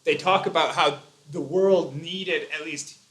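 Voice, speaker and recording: A man's voice: a little high, a little slow, a bit bright. A man hosting a casual live stream, explaining his views at length with fillers and restarts.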